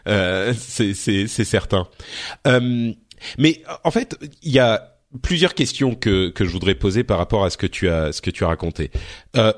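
A man working as an interviewer in a casual conversational style, phrasing things in a tentative, roundabout way. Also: fairly low pitch.

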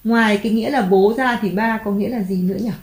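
A mother patiently teaching her child letters and tone marks at home, slowly drawing out the spelling and praising often. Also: mid-range voice, darkish tone. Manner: patient, encouraging, drawn-out spelling. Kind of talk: home reading lesson for a child. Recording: echoey room, faint background music.

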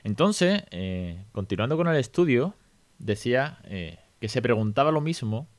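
A man in his thirties hosting a podcast, talking casually with frequent "¿no?" tags and animated rhetorical asides. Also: medium pitch, a little slow, dry recording. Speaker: podcast host.

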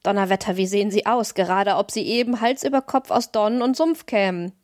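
A woman voicing a gruff, good-natured old male forester in an audiobook, with folksy, blunt talk. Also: mid-range voice, a little fast, a little mellow, no room sound, studio quality, natural voice. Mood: wary. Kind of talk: audiobook reading.

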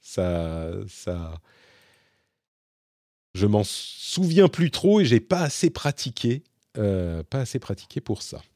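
A middle-aged man hosting a podcast, answering listener questions in a casual, hesitant way, often pausing and correcting himself. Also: on the low side, sing-song, dark tone, no echo, clean studio sound. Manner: hesitant, thinks aloud, self-correcting. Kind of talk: casual Q&A monologue.

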